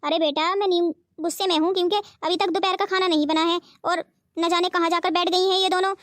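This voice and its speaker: A woman's voice: very high voice, fairly even intonation, quick pace, no room sound, clean studio sound. A woman voicing an elderly, stingy mother-in-law in a cartoon who grumbles and scolds. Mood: scolding. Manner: scolding, complaining. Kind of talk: cartoon voice acting.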